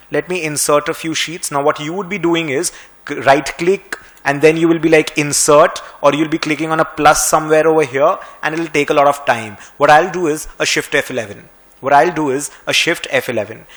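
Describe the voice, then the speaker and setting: A man with an Indian English accent explains spreadsheet shortcuts in a quick, chatty tutorial voice, pitched a little above the usual male range. He sounds brisk and practical, with a faint sarcastic edge. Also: a bit bright. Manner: brisk, conversational, slightly sarcastic. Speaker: finance and Excel trainer. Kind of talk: screen-recorded software tutorial.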